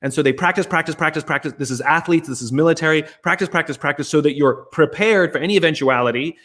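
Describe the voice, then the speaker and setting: A man's voice: fairly high pitch, quick pace, a bit bright. A man hosting a book club discussion, talking eagerly and drawing out ideas from his guest. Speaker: host.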